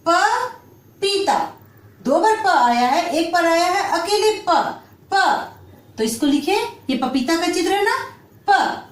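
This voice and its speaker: A woman teacher explaining a children's lesson slowly, drawing out each syllable. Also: very high voice, lively intonation, echoey room, far from the mic. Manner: slow, drawn-out syllable-by-syllable explanation.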